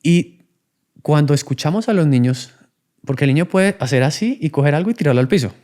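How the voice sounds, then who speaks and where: A man's voice: a little high, animated, a little fast, mellow. Man, podcast guest, reflective talk, acts out examples. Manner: acts out child and adult voices in examples. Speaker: podcast guest speaking on conscious parenting. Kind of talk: reflective conversational explanation.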